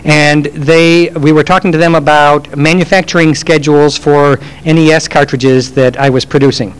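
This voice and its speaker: A man's voice: on the high side, fairly even intonation, moderate pace, clear, resonant tone, poor audio. A man telling rambling, self-deprecating stories while taking audience questions at a live event. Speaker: game industry speaker. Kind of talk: live Q&A storytelling.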